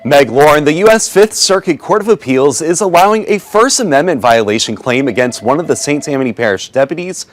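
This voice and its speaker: A man's voice: fairly high pitch, animated, a little fast, few pauses. An American man delivering a scripted television news report as a reporter.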